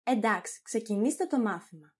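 A woman's voice: on the high side, expressive, husky. A woman reading a fussy, grumpy old hypochondriac. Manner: irritable, fussy, demanding. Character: grumpy older male hypochondriac master.

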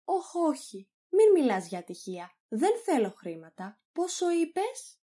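A woman's voice: high voice, sing-song, warm tone, voice pushed up. A woman voicing a greedy wife who coos over her husband. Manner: cooing, sugary. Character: greedy, falsely sweet young wife.

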